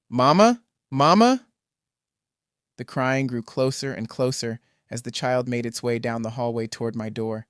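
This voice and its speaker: A man telling a first-person horror story in steady, tense scripted narration. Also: mid-range voice, no room sound, clean studio sound.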